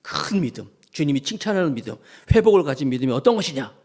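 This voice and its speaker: Man, senior pastor, sermon, animated delivery, lively swinging pitch, call-and-response. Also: fast. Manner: animated, acts out scripture scenes; leads congregation in call-and-response.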